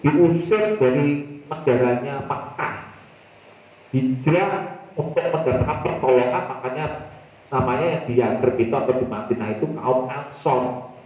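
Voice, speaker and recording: Preacher in an echoey hall. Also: male voice, medium pitch, unhurried, darkish tone. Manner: addresses the listener as "Pak", repeats phrases for emphasis. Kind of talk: Islamic study sermon. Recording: very echoey hall, dull muffled sound.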